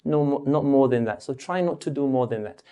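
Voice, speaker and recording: A man's voice: mid-range voice, dark tone. Patient man teaching Quran recitation. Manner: patient, repeats and slowly demonstrates each sound. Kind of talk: recorded tajweed lesson.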